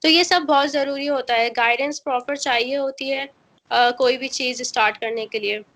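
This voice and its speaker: A woman's voice: sits high, steady tone, moderate pace, fairly bright tone. A young woman with a Pakistani Urdu accent, a voice-over student earnestly talking through what she learned, step by step. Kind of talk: testimonial.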